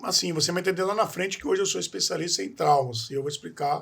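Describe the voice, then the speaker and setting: A podcast guest from Espírito Santo, Brazil, tells his personal life story in an interview, earnest and rambling, restarting often and tagging many phrases with a questioning aside. His voice is husky and higher-pitched, a bit bright, and fast.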